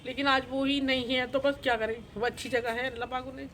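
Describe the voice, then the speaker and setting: A woman's voice: high-pitched, flat delivery, quick pace, a bit bright, slight background noise. A middle-aged woman vlogger speaking to camera in a sorrowful, plaintive way, repeating her complaints. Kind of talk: emotional personal confession to camera.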